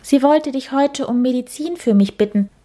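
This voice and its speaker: A woman putting on a gentle ghost lady from a storybook, her voice lifted high above the narrator's own. She sounds worn out and plaintive, whining softly yet staying polite. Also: moderate pace. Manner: whiny, plaintive. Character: sad, tired female ghost, polite and whiny. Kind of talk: storybook reading.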